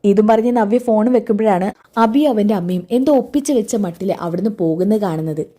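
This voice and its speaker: A woman's voice: mid-range voice, a little fast, dark tone. A woman narrating a TV serial episode in a casual, chatty retelling, tossing asides to her listeners.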